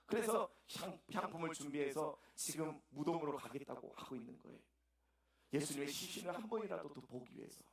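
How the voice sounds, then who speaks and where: A man preaching a sermon as pastor, emphatic and repeating words as he speaks to the congregation in a church. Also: fairly high pitch. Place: church sanctuary. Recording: echoey church hall, distant mic.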